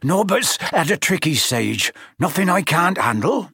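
Guy doing a huge soppy gamekeeper, muffled and puffy, bit higher than his own voice. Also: big pitch swings, unhurried, gravelly, sharp tone, husky, dry recording, clean studio sound, exaggerated voice. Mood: fussing. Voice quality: puffing, muffled. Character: half-giant gamekeeper, big, soft-hearted, tearful.

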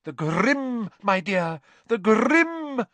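A man voicing a misty, dramatic female divination professor who foretells doom in a faint, drawn-out, theatrical way. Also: a little high, big pitch swings, no echo, voice pushed up, heavily acted.

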